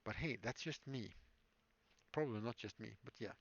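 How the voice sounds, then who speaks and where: A man's voice: medium pitch, moderate pace, vocal fry, no echo. Rambling prop-making streamer, man. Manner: rambling and musing, many fillers. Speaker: prop maker livestreamer. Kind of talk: casual livestream chat while working. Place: workshop. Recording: dull lo-fi stream audio, dry.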